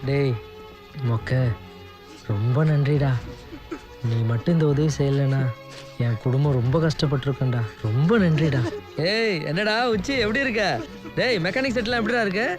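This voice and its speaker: A man's voice: on the high side, normal speed, pauses often, music in the background, close to an everyday voice. An actor playing a cheerful young village man returning home. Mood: affectionate. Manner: warm, teasing, lively greetings. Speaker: lead character. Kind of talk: film drama acting.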